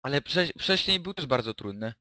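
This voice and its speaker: A man playing in a tabletop game session, joking around and reacting quickly to the dice. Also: mid-range voice, animated, pushed and bright. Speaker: player. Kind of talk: casual tabletop game chat.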